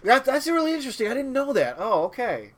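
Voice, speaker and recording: A man's voice: very high-pitched, big pitch swings, quick pace, a bit bright. A man co-hosting a podcast in casual chat, enthusiastic and laughing often. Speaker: podcast co-host.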